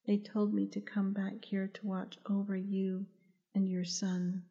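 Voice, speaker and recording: A woman voicing a resolute, protective young male warrior in a storybook, speaking slow, solemn vows. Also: mid-range voice, completely flat delivery, dark tone, lo-fi sound, lightly acted. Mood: earnest.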